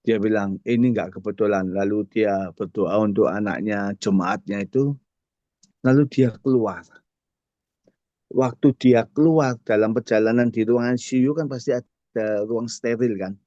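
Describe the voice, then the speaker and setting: A man's voice: on the low side, fairly even intonation, measured pace, warm tone, dry recording. A man, telling a story as a testimony at a prayer fellowship, speaking directly to the congregation. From Indonesia. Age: 60s. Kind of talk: sermon testimony. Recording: dull dry sound.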